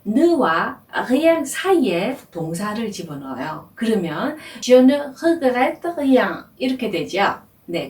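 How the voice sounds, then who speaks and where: A woman teaching French, explaining pronunciation slowly and carefully. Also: a little high, a little mellow, reverberant, far from the mic. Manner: slow, careful explanation with drawn-out demonstration words. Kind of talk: language lesson.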